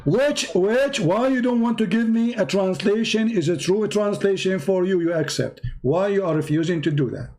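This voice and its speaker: This debate show host, a man whose first language is Arabic, speaks in a high, darkish voice at a moderate pace with few pauses. During a heated live call he mocks the caller and keeps pressing him with repeated questions.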